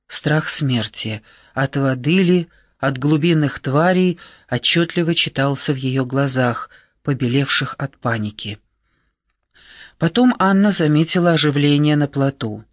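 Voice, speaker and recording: A man reading a thriller audiobook in a measured, dramatic way, slowing down on tense phrases. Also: medium pitch, no room sound, clean studio sound. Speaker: audiobook narrator. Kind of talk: scripted audiobook narration.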